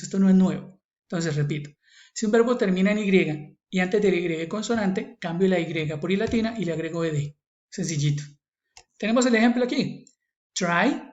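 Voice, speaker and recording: Patient Colombian man teaching grammar. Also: sits high. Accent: Colombian Spanish. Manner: patient, repeats each rule, checks in with "¿vale?" and "¿listo?". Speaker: English teacher. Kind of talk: recorded online lesson. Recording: echoey, slightly dull screen recording.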